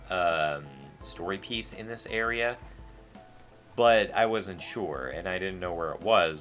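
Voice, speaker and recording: A man giving casual let's play commentary, rambling and animated, with sarcastic asides. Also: low-pitched. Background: faint game music.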